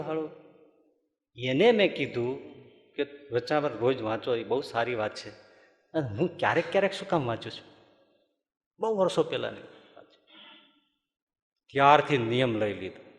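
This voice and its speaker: Gujarati monk preaching in an echoey hall. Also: male voice, medium pitch. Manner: folksy, animated storytelling with laughter. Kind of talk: storytelling sermon. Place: large hall at a gurukul. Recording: echoey hall with long reverb.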